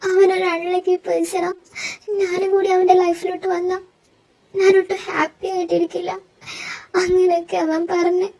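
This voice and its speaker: A woman playing a lovesick young woman in tears, in a fan fiction audio story. Her very high voice breaks and stumbles between words. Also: little pitch movement, warm tone. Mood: tearful. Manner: halting, tearful, insistent. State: crying.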